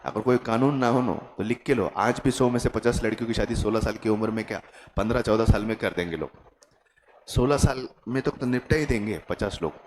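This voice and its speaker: A man's voice: medium pitch, slight background noise, rough recording. A man with an Indian accent giving a classroom lecture, conversational and joking, often checking in with rhetorical questions. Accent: Indian English. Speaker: teacher.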